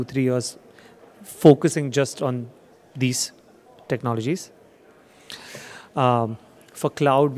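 A young man pitches his company in a dark expo demo theater at a trade show. His voice is medium in pitch with a darkish tone, and he sounds hesitant, leaning on lots of fillers.

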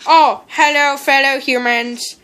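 A woman's voice: high voice, steady tone, slow pace, fairly bright tone. A woman voicing a male robot awkwardly pretending to be human, talking in a stiff, formal way in a homemade toy skit. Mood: stiff, proud.

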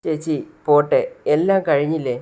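A man playing a gentle middle-aged aunt who coaxes her sister to eat, in a retold serial. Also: a little high, moderate pace, close to an everyday voice. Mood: coaxing. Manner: soothing, coaxing.

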